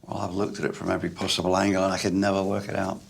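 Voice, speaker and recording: A man's voice: low-pitched, level tone, rapid-fire, vocal fry. An older man in casual, reflective conversation, repeating words for emphasis. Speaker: family member.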